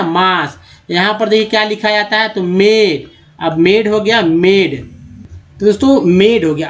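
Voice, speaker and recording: A teacher giving an online language lesson, explaining pronunciation patiently, repeating words and drawing out vowel sounds, and often addressing viewers as friends. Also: medium pitch. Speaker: English teacher.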